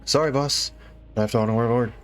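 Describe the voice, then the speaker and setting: A man reading a calm, reserved courier woman. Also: mid-range voice, fast, close to an everyday voice. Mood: steady. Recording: faint music behind.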